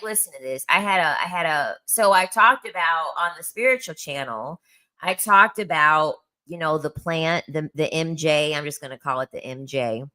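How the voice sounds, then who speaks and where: Gossipy woman with a bright, forceful voice. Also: lowish voice. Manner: gossipy, laughing storyteller. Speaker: host. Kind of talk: casual livestream chat.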